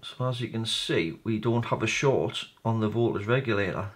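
Talking at a moderate pace in a lowish voice, a man informally guides viewers through an electronics repair. He's a hobbyist presenter, narrating each step and thinking out loud as he works.

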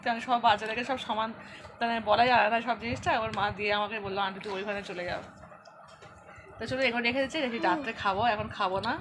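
A woman's voice: a little high, steady tone, fast, fairly bright tone, a little hiss or hum. A woman with a Bengali accent chatting to viewers in a home vlog, recorded on a phone at home. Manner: chatty, addresses viewers directly. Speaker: vlogger. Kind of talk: casual home vlog chat.

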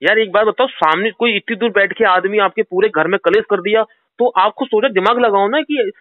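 A man on a phone call, urging and advising a distressed caller in a forceful, repetitive way. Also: high-pitched, fairly quick. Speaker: channel host giving advice to a caller. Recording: tinny phone line.

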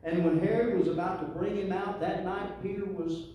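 Heard through an echoey church PA from the pews, distant and faintly noisy, a middle-aged pastor with a Southern US accent delivers his sermon via handheld mic. His high voice is warm and steady at a moderate pace. He repeats phrases folksily and emphatically, urging the congregation to respond.

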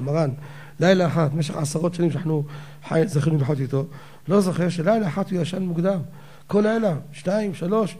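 An older man, a rabbi giving a Torah law lesson with animated storytelling and rhetorical questions. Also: a little high.

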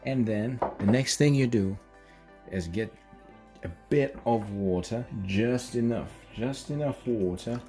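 Music plays clearly behind a Zambian-accented cooking channel host in his thirties as he demonstrates a recipe in his small home kitchen. His mid-range voice is slow and warm. He keeps things chatty and encouraging with plenty of fillers and "mm?" check-ins.

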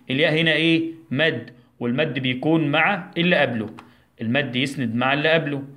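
A man's voice: medium pitch, fairly bright tone. Egyptian man teaching young children. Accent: Egyptian Arabic. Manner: asks questions and answers them himself, slowly sounding out syllables. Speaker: primary school teacher. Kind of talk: recorded lesson for young children.

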